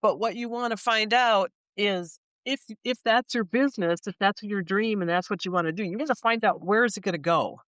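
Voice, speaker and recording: A woman's voice: mid-range voice, brisk, few pauses, fairly bright tone, dry recording. A middle-aged woman who owns a small business, chatting in an interview and explaining things with examples and frequent restarts. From Minnesota. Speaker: small business owner, guest. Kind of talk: casual interview talk.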